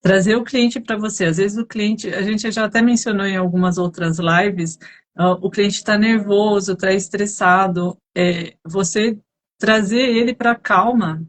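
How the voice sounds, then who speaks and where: A woman's voice: mid-range voice, fairly even intonation, unhurried. A woman co-hosting a casual live chat over a video call, chatty, with many fillers. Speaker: co-host.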